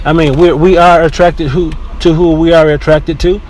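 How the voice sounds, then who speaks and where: A man with a somewhat high voice talks his way through a casual podcast monologue from the seat of a car. He is opinionated and rambles, often restarting his sentences. The recording is low quality, with a faint hum of background noise from the car and street. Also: flat delivery, normal speed, darkish tone. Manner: talkative, opinionated, with frequent restarts. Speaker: podcast host. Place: inside a car near a beach.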